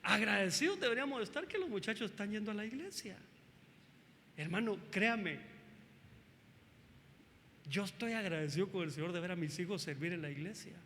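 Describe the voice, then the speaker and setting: A man preaching as pastor at a family church service, emphatic and animated, addressing the congregation with questions. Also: sits high, brisk, pauses often, big-room sound, slight background noise.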